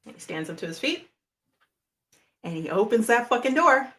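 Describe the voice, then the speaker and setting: A woman's voice: a little high, sing-song, normal speed, a bit bright, distant mic. Woman running a tabletop game, chatty, keeps cracking up. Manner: laughing often, loose and chatty. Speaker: game master.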